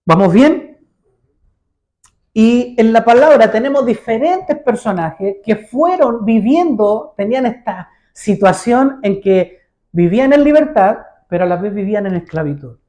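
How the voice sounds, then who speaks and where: A man's voice: sits high, animated, a little slow, dark tone. A man preaching a sermon in a church. He speaks conversationally, keeps asking his listeners questions and acts out the voices of the people in his stories. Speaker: pastor.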